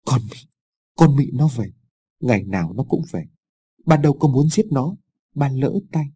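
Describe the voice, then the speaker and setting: A man voicing a guilt-haunted, volatile old farmer who stammers and shouts. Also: medium pitch, lively intonation, moderate pace, slightly rough. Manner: shouting, stammering, then sobbing.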